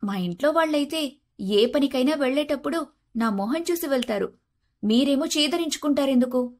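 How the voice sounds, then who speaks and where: A woman's voice: high voice, animated, normal speed, pitched above the performer's own voice. A woman doing a scheming young daughter-in-law. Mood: sharp. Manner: pert, sharp, sometimes sugary.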